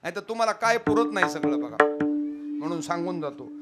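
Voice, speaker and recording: A man preaching a devotional kirtan sermon. He tells stories and speaks straight to his listeners, moving between quiet asides and loud exclamations. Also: fairly quick, loud music behind the voice. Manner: storytelling, swings between soft asides and loud high exclamations; addresses the audience directly.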